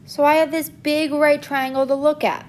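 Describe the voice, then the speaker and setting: A woman teacher explains a math problem one step at a time, in a steady recorded-lesson manner. Her voice sits high. A faint low rumble runs underneath. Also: moderate pace.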